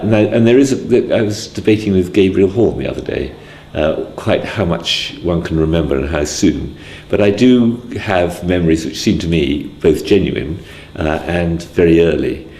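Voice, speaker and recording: A man in his sixties from Wales, recalling his early life in a hesitant way, with many pauses and restarts. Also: rumbling low, creaky, darkish tone, echoey room. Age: 60s. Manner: hesitant, full of ums and restarts. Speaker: interviewee. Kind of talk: casual spoken memoir.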